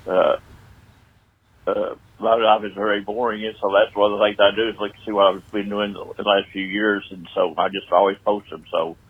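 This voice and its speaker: A man's voice: fairly low pitch, little pitch movement, moderate pace, breathy edge. An older retired man leaving a rambling, chatty voicemail, played back over a phone line. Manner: rambling, chuckling, loose and chatty. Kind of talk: casual phone message.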